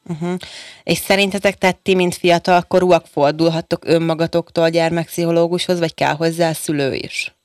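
A woman's voice: on the low side, fairly even intonation, dry recording. A woman hosting a radio talk show from a studio microphone, encouraging her young guests and summing up their answers before asking more. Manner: encouraging, sums up answers and asks follow-up questions. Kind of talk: radio interview with school pupils.

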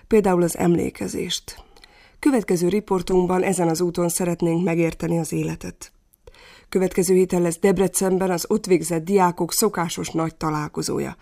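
A woman, the editor and presenter of a radio program, reading a calm, reflective script. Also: on the low side, gravelly.

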